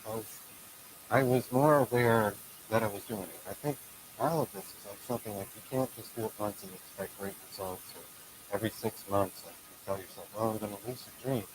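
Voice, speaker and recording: Muffled male interview host over clear hiss. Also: fairly low pitch, moderate pace. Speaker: show host interviewing a guest. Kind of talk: casual interview chat.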